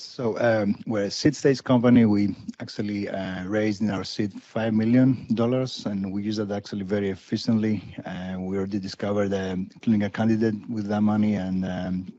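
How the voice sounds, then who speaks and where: A man giving a conversational update as a startup founder on a panel, in a halting, hesitant way. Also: fairly low pitch, mellow, no echo. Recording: dull, dry lo-fi panel recording.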